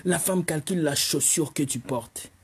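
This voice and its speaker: A man's voice: fairly high pitch, normal speed, breathy edge. A man performing a stand-up comedy monologue, mocking and teasing his audience.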